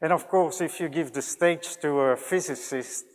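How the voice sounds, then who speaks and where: An older man from Belgium opening a public science lecture in a relaxed, lightly humorous way. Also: on the high side, normal speed. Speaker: physics lecturer. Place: large lecture hall. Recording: lecture hall with long reverb.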